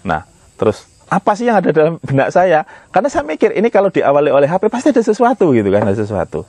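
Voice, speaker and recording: A man's voice: on the high side, huge pitch swings, quick pace, a little mellow, dry recording. Dry-voiced man telling a story casually. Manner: rambling, repeats phrases, conversational asides. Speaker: storyteller recounting healing experiences.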